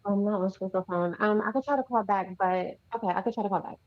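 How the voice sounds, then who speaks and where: A woman's voice: medium pitch, fast. A woman from New Jersey calling in to a live show, polite and hesitant, her voice distant and muffled as if on speakerphone. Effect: distant muffled phone line, as if on speakerphone. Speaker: caller. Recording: dull lo-fi phone call.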